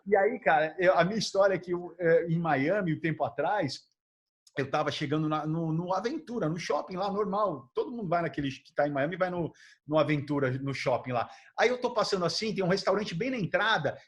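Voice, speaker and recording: A Brazilian man hosting a podcast, telling an anecdote in a casual, animated way, laughing and acting out what people said. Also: on the high side. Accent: Brazilian Portuguese. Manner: animated, laughing, acts out quotes. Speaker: podcast host. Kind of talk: casual storytelling chat.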